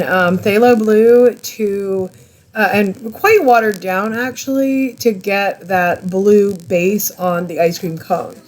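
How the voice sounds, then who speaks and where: A woman hosting an art channel, talking casually and enthusiastically through a tutorial while stumbling over product names. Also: medium pitch. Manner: chatty, rambling, enthusiastic.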